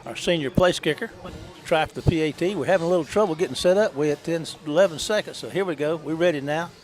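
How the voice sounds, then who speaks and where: A man calls high school football for hometown radio. His voice sits a little high, and he talks in a folksy, easygoing way, chatting with his partner between plays. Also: fast, darkish tone, soft background music. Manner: folksy, chatty, laughs easily. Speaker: play-by-play announcer. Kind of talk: local radio football commentary.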